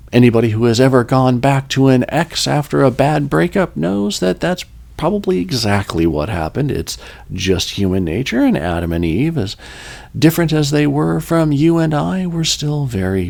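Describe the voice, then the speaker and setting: A man's voice: mid-range voice, creaky, darkish tone. A man hosting a podcast, telling folklore in a casual, rambling way, with joking asides and self-corrections. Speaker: podcast host.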